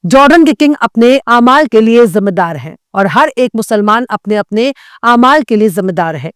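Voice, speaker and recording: A woman's voice: fairly high pitch, animated, normal speed, no room sound. Woman anchor, Indian, reads pointed scripted commentary; resonant voice, dry close mic. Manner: pointed, scornful delivery. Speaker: news anchor.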